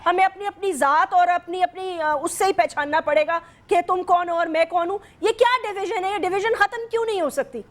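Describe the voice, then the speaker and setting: A woman with a strikingly high voice runs a heated political debate on a TV talk show. She cuts in firmly and scolds her guests when they talk over each other. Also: a little fast, hardly any pauses. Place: TV studio.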